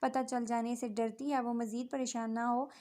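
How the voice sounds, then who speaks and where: A woman's voice: on the high side, flat delivery, normal speed, a little mellow, lightly acted. A woman voicing a playful young man who teases and jokes, in a storybook reading. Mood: teasing. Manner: jokey, teasing.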